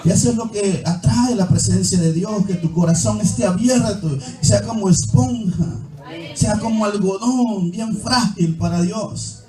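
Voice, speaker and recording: High-voiced preacher in an echoey church. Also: male voice, measured pace, dark tone. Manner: calls the listeners "hermano" again and again; reads scripture aloud with a running commentary. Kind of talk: sermon. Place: church hall. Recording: echoey church hall, mic far off, faint music.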